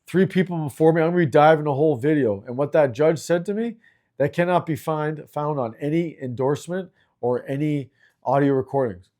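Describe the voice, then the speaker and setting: A man's voice: on the high side, a little fast, darkish tone. A middle-aged man from Canada hosting his own video, ranting angrily and with lots of swearing about complaint agencies. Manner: angry, frustrated, profane. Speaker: video host. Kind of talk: ranting commentary.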